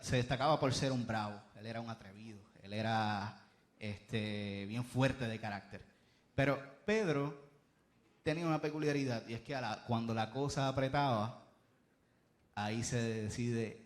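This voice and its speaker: A man preaching a sermon at a church service, swinging between loud emphasis and soft asides. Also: medium pitch. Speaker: youth preacher.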